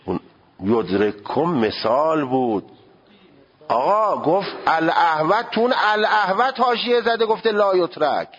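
A man teaching a seminary jurisprudence class in a husky, slightly breathy voice whose pitch swings widely as he talks. He questions his listeners and sounds out word endings to make his point. The recording is dull and lo-fi. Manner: animated, questions students and sounds out pronunciations.

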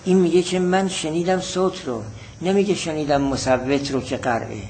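A man's voice: a little high, a little mellow, a little hiss or hum, poor audio. A man teaching a religious-philosophy text lesson, reading Arabic phrases and explaining them patiently, often repeating definitions.

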